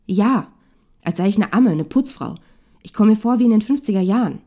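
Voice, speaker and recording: A woman's voice: medium pitch, brisk, close to an everyday voice. A woman voicing an angry, tearful young mother who speaks sharply with a rising, breaking voice. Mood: bitter. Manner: sharp, raised voice breaking into tears.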